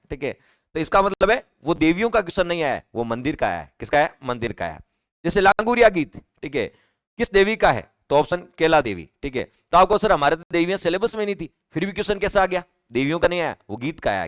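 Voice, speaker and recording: A man teaches a live online exam-prep class, talking straight to his students. His voice sits on the higher side and the room sounds dry and close. He repeats key points and keeps asking the class questions. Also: fairly bright tone, dry recording. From Rajasthan, India. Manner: chatty, repetitive, asks students questions and reads out names.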